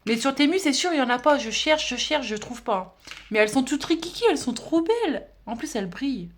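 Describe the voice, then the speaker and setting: A woman's voice: sits high, animated, fairly quick, a little hiss or hum. A woman vlogger chatting casually as she unboxes a parcel, gushing and exclamatory, with many fillers. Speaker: budget-challenge vlogger.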